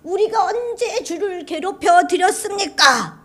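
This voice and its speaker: A woman preacher acting out the indignant, complaining voice of a crowd of ancient people, high and whiny. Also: expressive, measured pace, fairly bright tone, full character voice. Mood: protesting.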